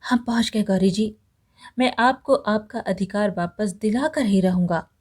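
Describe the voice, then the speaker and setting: A woman's voice: mid-range voice, measured pace, darkish tone, lightly acted. A woman voicing a brave, loyal young woodcutter who speaks with urgent conviction. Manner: urgent, pleading.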